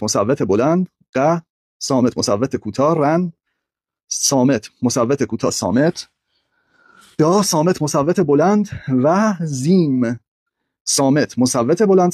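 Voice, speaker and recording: A man's voice: medium pitch, darkish tone, husky, dry recording, clean studio sound. A man teaching a literature lesson over slides, methodically breaking words into syllables.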